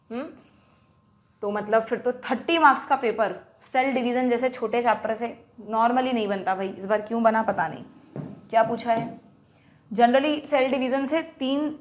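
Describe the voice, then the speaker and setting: A woman teacher with an Indian accent walking students through an exam paper, explaining each answer briskly and quizzing them as she goes. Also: a little high. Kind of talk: exam paper walkthrough lesson.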